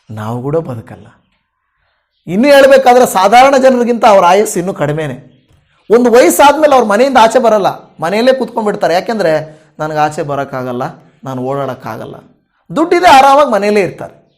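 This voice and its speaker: Male pastor, high and animated delivery, preaching with big swings in volume. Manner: expressive, swinging between loud peaks and soft drops. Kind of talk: sermon.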